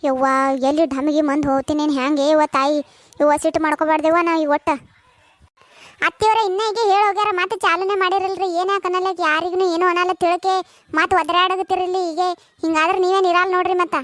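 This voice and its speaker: A woman voices a hot-tempered young village housewife from a comic cartoon, her voice pitched very high and her words tumbling out fast. She speaks with a North Karnataka Kannada accent and sounds squabbling and shrill. The recording is dry and close. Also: little pitch movement, fairly bright tone, no echo. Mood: bickering.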